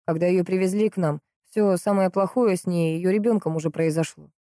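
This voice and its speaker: A woman voicing a curt, matter-of-fact male doctor in her own low, mellow voice. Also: a little fast, dry recording, studio quality, lightly acted.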